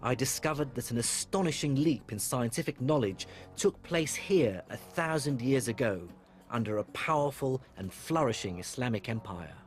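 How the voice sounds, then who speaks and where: A man's voice: medium pitch, animated, moderate pace. Middle-aged man narrating a documentary. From Iraq. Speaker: documentary presenter. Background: music.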